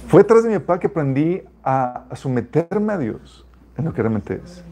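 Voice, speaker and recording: Chatty man preaching a testimony. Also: medium pitch. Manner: conversational, addresses listeners as "chicos", animated with laughs. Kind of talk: informal sermon with personal testimony.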